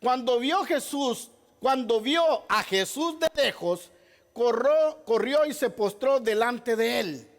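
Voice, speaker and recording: Male pastor, very high-pitched, emphatic sermon delivery that keeps questioning the congregation. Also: lively intonation, slow. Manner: repeats key phrases, addresses listeners as brother.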